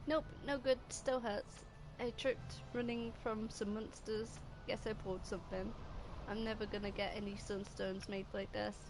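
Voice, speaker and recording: A woman's voice: mid-range voice, fairly even intonation, normal speed, background noise, lightly acted. A woman reading game dialogue aloud as a stubborn, slightly cheeky young village boy, in a casual, plain-spoken way. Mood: weary, frustrated.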